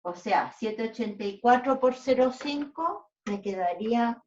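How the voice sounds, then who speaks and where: A woman teacher slowly solving a physics problem aloud, checking and correcting her own steps. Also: a little high, expressive, darkish tone, recorded from a distance. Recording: dull roomy sound from off-mic.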